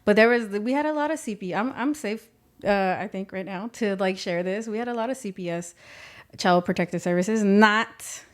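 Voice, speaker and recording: A woman from South Texas, talking in a medium voice. She tells candid stories in a casual interview and acts out the voices of family members. Her pace is lively and full of asides. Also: medium pitch, normal speed. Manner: animated, acts out quotes, laughs through stories. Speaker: guest, business owner.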